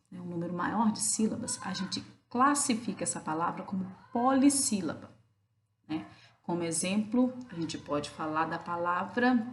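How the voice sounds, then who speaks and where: Woman, teacher, video lesson, patient, sounds out syllables, roomy echo. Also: fairly low pitch. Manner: patient, asks and answers her own questions; spells out syllables slowly. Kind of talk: recorded video lesson for children.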